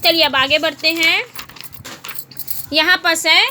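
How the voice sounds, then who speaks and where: A woman teaching a Hindi class to children, patiently asking questions and answering them herself, repeating words slowly. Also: very high voice, fairly even intonation, pushed and bright, slight background noise. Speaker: school teacher.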